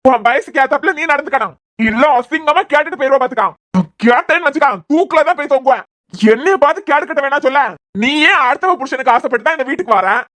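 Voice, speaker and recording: Angry young cartoon student, threatening and quick-tempered, Kanyakumari Tamil accent, voiced by a woman. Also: high-pitched, no echo. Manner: threatening, shouting insults. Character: hot-headed 21-year-old male college student. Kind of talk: cartoon web series voice acting.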